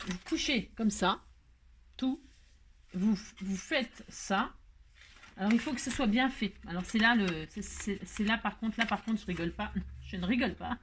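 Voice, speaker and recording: Woman doing a chatty craft tutorial, keeps asking if you follow, laughs at herself, faint hiss behind. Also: on the high side. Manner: chatty, self-mocking, asks "hein?" and "d'accord?" often. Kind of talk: casual step-by-step crafting tutorial.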